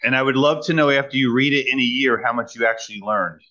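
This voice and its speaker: A man preaching in short phrases and pausing for an interpreter, teasing the young people about a quiz. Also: medium pitch, bright, forceful tone, dull audio. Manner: pauses for translation, teacherly, jokes with young people. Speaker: guest preacher. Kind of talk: sermon with live interpreter.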